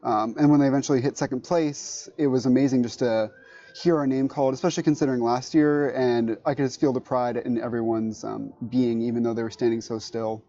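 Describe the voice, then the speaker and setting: A man's voice: mid-range voice, fairly even intonation, brisk, dark tone, dull audio. A teenage boy sincerely recalling a proud moment in an interview. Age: late teens. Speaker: graduating marching band member. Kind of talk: casual interview answer.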